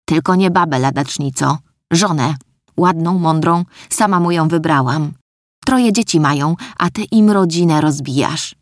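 A woman voicing a sharp-tongued old female dwarf in an audiobook, scolding with blunt scorn. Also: low voice, measured pace, no room sound, studio quality. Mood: indignant. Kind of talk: audiobook character voice.

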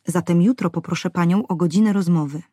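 A woman voicing a reserved young man who speaks quickly in a lowered voice. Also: mellow, no echo, clean studio sound, close to an everyday voice. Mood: uneasy.

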